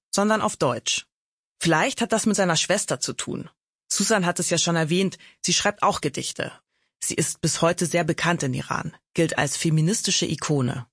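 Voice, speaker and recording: Breathy woman narrating a podcast. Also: deep voice, fairly bright tone, no room sound, studio quality. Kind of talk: scripted documentary narration.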